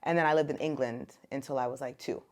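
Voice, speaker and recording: Speaking fast in a bass voice, an Ethiopia-born young woman raised in the US shares thoughts on motherhood as a podcast guest. It's a relaxed, casual chat, heavy on the fillers "like" and "um."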